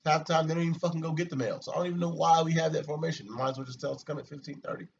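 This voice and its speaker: A man's voice: fairly high pitch, very fast, creaky. A man chatting casually and at length about his army routine, swearing often and venting, recorded from a distance with muffled sound. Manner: rambling, profane and animated. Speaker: soldier vlogger. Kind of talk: casual chat. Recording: distant, muffled mic with light hiss.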